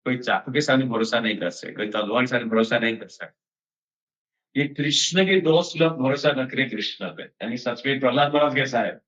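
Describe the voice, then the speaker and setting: A mid-range male voice, a bit bright, moves at normal speed through a chatty sermon told as a story. The devotional speaker blends in English phrases and laughs now and again. His recording is distant, echo-laden and dull.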